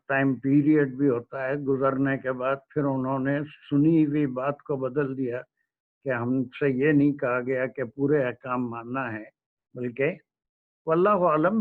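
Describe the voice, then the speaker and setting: A man giving a religious lecture, speaking slowly and pausing often to search for words. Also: medium pitch. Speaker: Quran lecturer. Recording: tinny phone-like recording.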